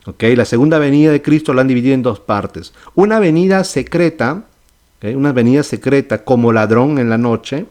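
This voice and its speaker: A man preaching as a pastor in a teaching sermon, with a voice of ordinary middle pitch. He explains patiently, keeps checking in with his listeners and often restarts his phrases to find the right word. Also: darkish tone. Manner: explanatory, with frequent "¿ok?" and "¿verdad?" check-ins; restarts and self-corrections mid-phrase. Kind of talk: Bible study sermon.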